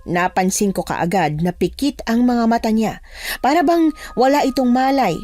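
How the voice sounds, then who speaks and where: Woman telling a creepy true-horror story, dramatic and tense, soft music playing under. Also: medium pitch. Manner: dramatic, suspenseful. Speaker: first-person narrator. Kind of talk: scripted horror story narration.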